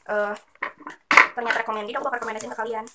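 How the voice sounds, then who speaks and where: A woman's voice: on the high side, little pitch movement, very fast. A young woman chats casually while unboxing and reviewing snacks for viewers. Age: young adult. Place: small room at home. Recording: very noisy room, crinkling packaging.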